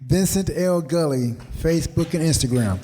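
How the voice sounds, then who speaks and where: A man in his late fifties or older, a podcast guest telling his personal story in an earnest, measured way. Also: fairly high pitch, dark tone. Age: late 50s or older.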